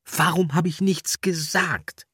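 A man's voice: a little high, steady tone, slow, sharp tone, breathy edge, dry recording, studio quality, voice pushed up, exaggerated voice. A man doing a fretful, guilty beaver.

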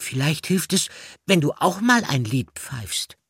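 Man reading a soft, kind storybook hedgehog, raised breathy voice. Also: a little high, big pitch swings, unhurried, no echo, clean studio sound, voice pushed up, full character voice. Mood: gentle. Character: gentle kind male hedgehog, soft-spoken.

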